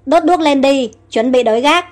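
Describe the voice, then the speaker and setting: A woman voicing rough male enemy soldiers of a mountain fort in a storybook reading, gruff and bossy. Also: sits high, normal speed, close to an everyday voice.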